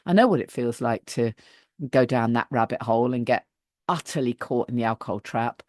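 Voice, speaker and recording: A woman's voice: very deep voice, fairly quick, a little mellow, dry recording, clean studio sound. A woman hosting a podcast, chatting casually and often repeating words as she thinks. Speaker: podcast host.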